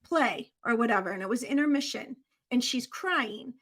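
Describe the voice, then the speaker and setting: Brief: woman host, high pitch, earnest heartfelt storytelling on a podcast. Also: animated, moderate pace, a bit bright. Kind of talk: casual podcast conversation.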